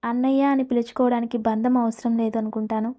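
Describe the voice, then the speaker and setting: A woman's voice: a little high, level tone, a little fast, lightly acted. A woman reading a direct, kind older man. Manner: direct, warm-hearted.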